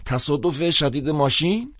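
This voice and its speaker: A man voicing a grumpy, suspicious old man on the phone, with a husky voice, in an audiobook. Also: no echo, clean studio sound. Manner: gruff, mumbling, then shrill and excited. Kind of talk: audiobook character voice.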